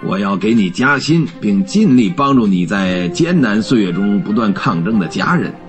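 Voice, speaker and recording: A man voicing a gruff old male miser turned kindly boss in a storybook reading, with a low, husky growl. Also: animated, normal speed, soft background music, lightly acted. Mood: warm. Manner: low growling, then warm and generous.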